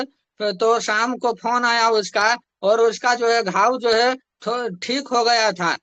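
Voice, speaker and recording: A man's voice: very high-pitched, bright, forceful tone, dry recording. A young man telling a motivational story from his sales work in a chatty way, repeating phrases for emphasis. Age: young adult. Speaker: network marketing distributor.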